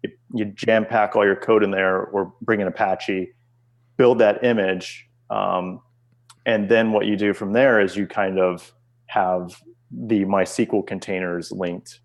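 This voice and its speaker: Low-voiced man explaining casually. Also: fairly even intonation, unhurried. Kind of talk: casual technical chat.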